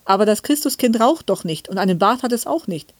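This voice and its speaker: A woman's voice: medium pitch, lively intonation, a little fast, no room sound, pitched above the performer's own voice, close to an everyday voice. A woman voicing a kind, busy mother in a storybook reading. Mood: cheerful.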